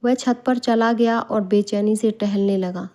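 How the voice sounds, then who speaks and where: Mellow woman reading a bedtime story. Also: mid-range voice, steady tone, measured pace. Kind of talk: scripted narration.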